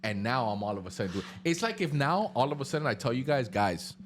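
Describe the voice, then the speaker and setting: A man hosts a casual podcast with his friends. He talks in a loose, joking way, full of slang and fillers, and his pitch moves around a lot. There is faint noise behind him. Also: big pitch swings, fast. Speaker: podcast host. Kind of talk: casual chat.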